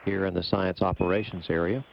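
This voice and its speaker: Deep, gravelly male mission commentator. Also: steady tone, slight background noise. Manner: measured, explanatory, formal. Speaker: mission operations public affairs commentator. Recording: dull, muffled broadcast feed.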